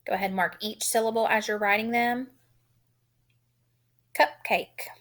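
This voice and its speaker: A woman teaching a phonics lesson, sounding out letters and syllables in a deliberate, encouraging way. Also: medium pitch, steady tone, a bit bright.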